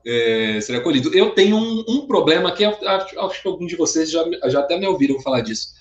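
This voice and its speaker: Gentle reflective father, echoey. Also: a little high, expressive, fast talker, lo-fi sound. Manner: gentle, reflective, hesitant restarts. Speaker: father in a church group. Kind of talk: casual discussion in an online meeting. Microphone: video call.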